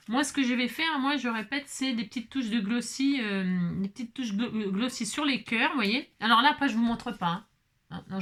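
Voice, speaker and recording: A woman's voice: on the high side, pushed and bright, slight background noise. A woman crafter chatting casually through a card-making tutorial, playful and self-mocking, humming to herself as she works.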